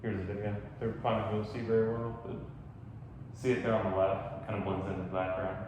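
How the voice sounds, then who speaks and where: A man's voice: on the low side, flat delivery, quick pace. A young man hosting a podcast, telling a hunting story in casual chat, rambling with many fillers. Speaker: podcast host. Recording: echoey room with long reverb, faint noise.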